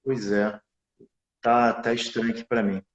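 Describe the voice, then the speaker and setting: Guy on a glitchy call cutting in and out, mid pitch, roomy echo. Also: flat delivery, a little slow, dull audio. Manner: checks whether he can be heard. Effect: choppy, breaking-up online call audio. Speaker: interviewer. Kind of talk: video call interview.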